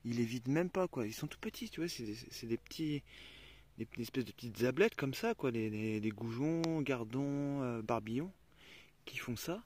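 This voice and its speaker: With a mid-range, slightly mellow voice, normal speed, and lively intonation, a young man vlogs casually outdoors by a river. He's chatty, speaks to his dogs as much as to viewers, and swears when something annoys him.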